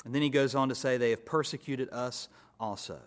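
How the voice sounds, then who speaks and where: A male pastor preaching an expository sermon, building to emphatic peaks and dropping to soft asides. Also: mid-range voice, a little fast.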